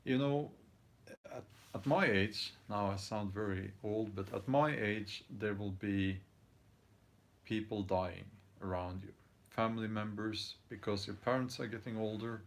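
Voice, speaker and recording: This Norwegian man in his forties, with a lowish voice and a Norwegian accent, hosts his own channel and reads viewer comments aloud during a casual live stream. He comes across as thoughtful but halting, with lots of ums and restarts.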